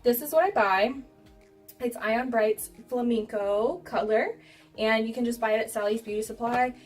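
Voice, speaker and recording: A woman's voice: fairly high pitch, moderate pace. Young American woman chatting, off-mic over music. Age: young adult. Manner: candid, giggly, swearing freely, acts out quoted dialogue. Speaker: beauty vlogger. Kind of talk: casual chat with storytelling. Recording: distant mic with music behind.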